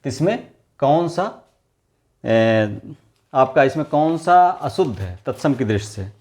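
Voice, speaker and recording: A man's voice: medium pitch, animated, slow pace, a little mellow. A man teaching an exam-prep lesson, asking questions and then answering them himself while repeating the key words.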